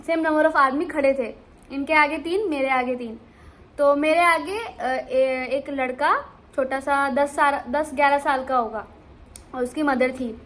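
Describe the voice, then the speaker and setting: A young woman vlogger casually telling a travel story, animated and full of restarts. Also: sits high. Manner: animated, many restarts and fillers.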